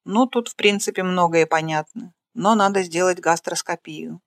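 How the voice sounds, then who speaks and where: A reader voicing a calm male doctor who talks in a brisk, matter-of-fact way. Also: mid-range voice, dry recording, clean studio sound, close to an everyday voice.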